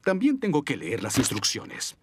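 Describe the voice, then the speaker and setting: A man with a Latin American Spanish accent voicing a big, jolly, boastful daddy pig in a children's cartoon, slow and self-assured. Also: medium pitch, huge pitch swings, background noise. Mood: good-humoured. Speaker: cartoon character. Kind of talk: animated children's cartoon dialogue. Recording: music bed behind dialogue.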